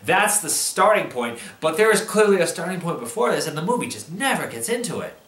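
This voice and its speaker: A man's voice: on the high side, sing-song, a little fast, a bit bright, a little hiss or hum. A man giving an angry, drunken, rambling movie review, exasperated and swearing heavily as he loses his thread. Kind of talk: ranting film review. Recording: roomy, echoing voice recording.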